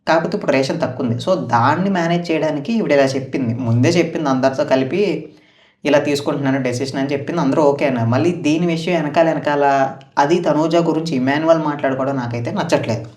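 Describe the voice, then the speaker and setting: A man's voice: on the high side, fast, darkish tone. A man giving a casual recap of a reality show's episode, retelling the contestants' lines in quotes and adding his own opinions. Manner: chatty, retells house dialogue in quotes, opinionated asides. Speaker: show reviewer. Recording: roomy echo, voice far from mic.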